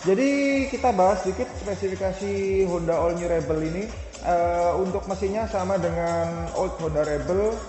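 In a large hall with faint background music, a man reviews a motorcycle on his motovlog, showing it off and listing specs and features in a chatty manner full of fillers and corrections. His voice is high and warm, at a moderate pace, with a roomy sound.

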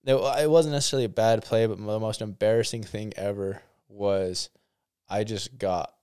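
A young man hosting a podcast, easygoing and chatty, asking quick follow-up questions and sharing his own stories. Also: lowish voice, fairly even intonation, warm tone, clear, resonant tone. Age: young adult. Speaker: podcast host. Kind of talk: casual chat.

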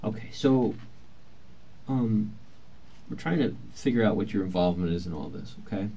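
This male detective's voice is lowish, gravelly and mellow, animated and at a moderate pace. Heard on an old interview-room tape that sounds muffled, lo-fi and faintly hissy, he questions someone in a courteous, procedural, reassuring manner.

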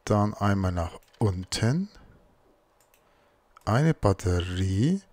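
A man's voice: fairly low pitch, big pitch swings, drawn-out words, a little mellow, a little hiss or hum. A man giving casual let's play commentary, muttering to himself as he works through crafting.

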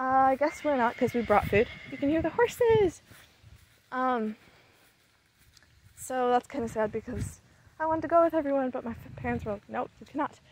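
A woman's voice: a little high, a little mellow, a little hiss or hum, low-quality recording. A young woman in casual, talkative, rambling vlog chat, recorded outdoors on a phone at arm's length as she walks. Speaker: vlogger. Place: outdoors, walking across an open camp.

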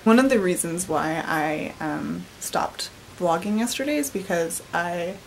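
A young woman in her twenties chats to a handheld camera at arm's length in her bedroom, her casual vlog talk heavy with "like" and "um." Her fairly low, creaky voice is animated but a little slow. The recording is rough, with slight background noise.

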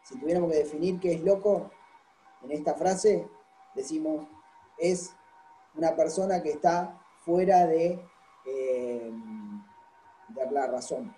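A man's voice: on the high side, lively intonation, slow pace, pauses often, mellow, echoey room, a little hiss or hum, rough recording. A man giving a university lecture. He explains patiently and keeps checking that the class follows. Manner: explanatory, constantly checks understanding with "¿sí?".

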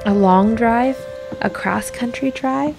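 A woman's voice: fairly high pitch, takes it slowly, vocal fry, background noise. A woman narrating a reflective, scripted personal essay in a wistful, musing way, her voice sometimes sinking toward a whisper. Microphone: voice-over. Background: music.

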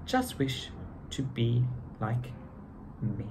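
A middle-aged British co-host of a children's read-aloud channel reads a story indoors in a living room furnished with a piano, theatrical and genteel in manner. His medium-pitched voice swoops wildly in pitch, and he reads very slowly with a creaky quality. Background noise runs beneath him.

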